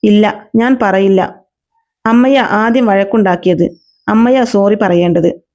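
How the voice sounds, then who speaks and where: A woman's voice: medium pitch, a little slow, a little mellow, natural voice. A woman voicing a defiant eighteen-year-old girl who answers curtly, in a storybook reading. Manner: curt, defiant. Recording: slightly dull lo-fi recording.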